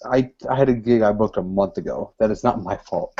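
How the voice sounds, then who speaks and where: A man's voice: on the low side, fairly quick. A man in casual podcast chat, speaking in a matter-of-fact way. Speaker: podcast guest. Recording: dull dry lo-fi recording.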